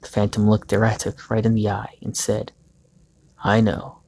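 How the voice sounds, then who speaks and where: A man reading a story aloud as its narrator in a steady, even way, with a gravelly voice. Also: on the low side, a little fast. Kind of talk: scripted narration.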